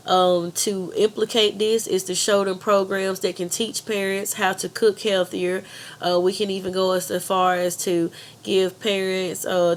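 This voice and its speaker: An adult woman with a country accent earnestly gives an informal persuasive presentation, her voice sounding congested and pinched-nose nasal because she is sick. Her voice is mid-range, with a little hiss or hum on the recording.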